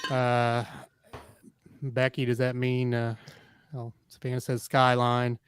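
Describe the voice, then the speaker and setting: A man's voice: medium pitch, completely flat delivery, slow pace, background noise. A man co-hosting a podcast, laughing often and reading out listener votes in casual chat.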